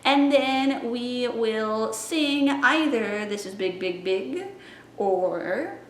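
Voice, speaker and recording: A young children's librarian with a fairly high voice and drawn-out words plans story time for viewers, playfully bursting into chanted rhymes and songs. The echoey room has faint music and slight background noise.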